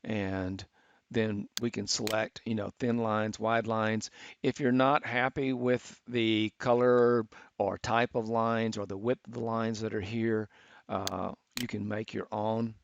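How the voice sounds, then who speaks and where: A middle-aged man teaching architecture students, talking through a software tutorial with many fillers and restarts. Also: lowish voice, flat delivery, slow pace, creaky, a little hiss or hum. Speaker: architecture instructor. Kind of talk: screen-recorded software tutorial. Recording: dull, lo-fi screen capture.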